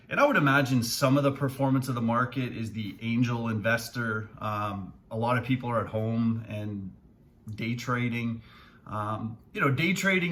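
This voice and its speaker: A man who works as a financial advisor, talking casually to camera with frequent ums and plain, steady explanations. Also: medium pitch, slight background noise. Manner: relaxed, many fillers, plainspoken. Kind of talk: casual video commentary.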